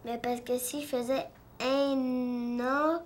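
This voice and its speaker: Kid girl reading test, slow and unsure, little bit of background hiss. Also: high-pitched, little pitch movement. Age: child. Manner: hesitant, quiet. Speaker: pupil reading aloud. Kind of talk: reading assessment. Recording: faint background noise.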